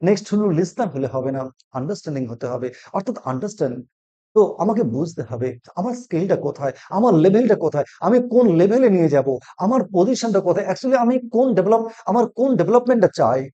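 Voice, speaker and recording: A man with a Bengali accent teaching spoken English in a video lesson, switching between Bengali and slow, emphatic English phrases. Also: sits high, lively intonation, mellow, lo-fi sound. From India.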